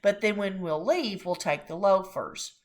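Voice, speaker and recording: A woman's voice: medium pitch, a little slow, darkish tone, close to an everyday voice. A woman voicing a fussy but firm mother of two boys while reading a storybook aloud. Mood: scheming.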